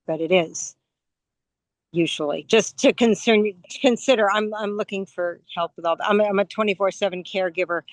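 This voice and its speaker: Woman caregiver on a video call asking a question, halting, repeats herself, dry sound. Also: mid-range voice, no echo. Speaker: caregiver attendee. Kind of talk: audience question.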